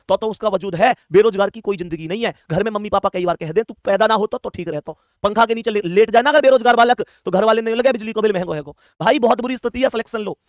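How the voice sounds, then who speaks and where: A man teaches an online exam math lesson at a rapid clip. He is emphatic and coaxing, repeating key points and urging viewers to answer. The sound is dry and close. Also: high-pitched, no room sound.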